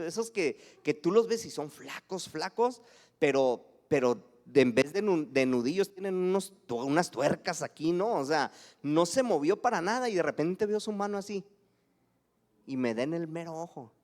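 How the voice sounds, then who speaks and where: A man's voice: a little high, animated, moderate pace, darkish tone. A man with a Mexican accent preaching a conversational sermon, asking his congregation questions and acting out stories from his childhood. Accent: Mexican Spanish. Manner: conversational, acts out anecdotes and asks the congregation questions. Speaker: pastor.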